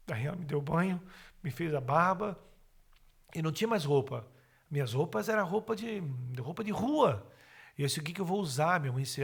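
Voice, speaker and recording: Gravelly man telling his story. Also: on the high side. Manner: animated, acts out his own and others' words. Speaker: podcast guest. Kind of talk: personal testimony storytelling.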